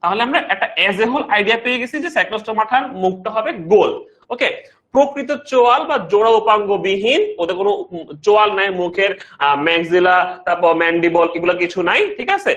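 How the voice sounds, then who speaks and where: A young Bangladeshi man gives an online biology lesson in a high voice at a brisk clip. He keeps asking his students rhetorical questions and repeating key points, mixing English terms into his Bengali. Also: a bit bright. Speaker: biology teacher. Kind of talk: online class lecture.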